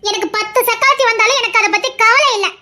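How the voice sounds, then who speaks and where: A woman's voice: very high-pitched, fast, sharp tone, full character voice. A woman voicing a stubborn, loving young wife in an audio drama, talking earnestly and insistently. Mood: devoted, pleading.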